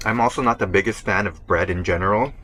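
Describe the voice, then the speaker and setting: Young guy vlogger: low pitch, bright forceful tone, easygoing chatter while eating; faint room noise. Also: quick pace. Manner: chatty, eating between sentences, talking with mouth full. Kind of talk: casual vlog talk to camera while eating. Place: burger restaurant.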